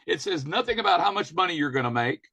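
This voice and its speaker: A man's voice: a little high, lively intonation, fast, pushed and bright, breathy edge. A man hosting a weekly business training call, talking emphatically and firing rhetorical questions and commands at listeners. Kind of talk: motivational business training talk.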